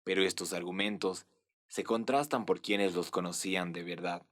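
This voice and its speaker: Deep-voiced male documentary narrator. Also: fairly even intonation, normal speed, fairly bright tone. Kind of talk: scripted narration.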